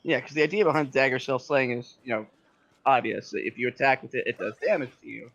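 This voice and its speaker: A man's voice: medium pitch, brisk, vocal fry, a bit bright, lo-fi sound. A man hosting a game stream, chatting casually and reading viewer fan fiction in a theatrical way, laughing often. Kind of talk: casual chat and mock-dramatic reading.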